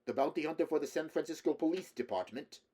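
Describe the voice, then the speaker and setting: Brief: male reader as jolly, boastful android in a Russian greatcoat, Slavic accent, loud and bright-pitched. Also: fast, breathy edge. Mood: cheerful boasting. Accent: put-on Slavic. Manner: loud, cheerful, boastful, then snarling. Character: jovial middle-aged male android posing as Russian cop.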